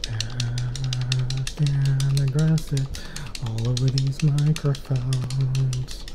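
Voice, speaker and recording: A young adult man doing fast, aggressive ASMR close to the microphones, repeating playful trigger phrases. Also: mid-range voice, little pitch movement, music in the background. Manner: repetitive nonsense trigger phrases. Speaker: ASMR creator. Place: small dark bedroom studio. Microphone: two studio condenser microphones up close. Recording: close-miked with clicking and tapping noise. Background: clicks, tapping, handling noises.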